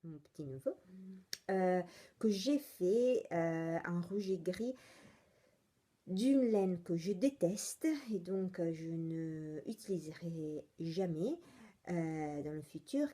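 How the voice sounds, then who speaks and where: Slow, mellow-voiced Italian woman rambling. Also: fairly low pitch. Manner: rambling, hesitant, many fillers and restarts. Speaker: knitting podcast host. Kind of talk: casual chatty podcast monologue.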